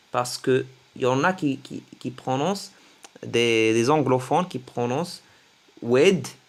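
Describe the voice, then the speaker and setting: A man teaching English greetings to French speakers, slowly repeating each phrase several times. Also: medium pitch. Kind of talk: French-language English lesson.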